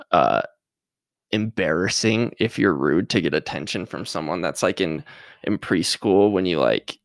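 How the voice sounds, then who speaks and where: A man's voice: sits low, vocal fry, fairly bright tone, no echo, studio quality. A young man talking casually in a sarcastic, rambling vlog monologue full of fillers. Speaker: social media creator.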